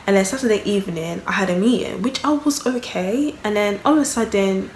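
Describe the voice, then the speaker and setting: A woman's voice: medium pitch, brisk, a little mellow. A young woman telling a personal story in a candid vlog, rambling and emotional, full of fillers. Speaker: vlogger. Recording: echoey room, faint background noise.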